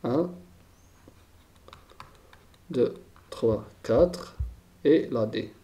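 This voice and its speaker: A man's voice: mid-range voice, expressive, drawn-out words, mellow. A man teaching a chemistry lesson, thinking aloud and repeating key terms, often checking with "d'accord?".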